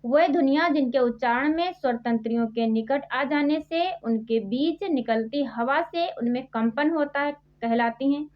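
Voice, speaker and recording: Slow, high-voiced woman teaching grammar. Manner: repeats each question and answer slowly, spelling out sounds. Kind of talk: quiz-style exam prep lesson. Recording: dull lo-fi sound.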